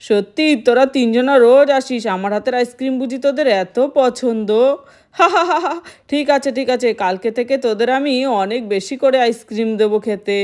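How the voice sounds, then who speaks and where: A woman's voice: a little high, a little fast, lightly acted. A woman voicing a chatty middle-aged male ice cream seller in a doll-play story, talking with lots of exclamations and scolding. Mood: cheerful.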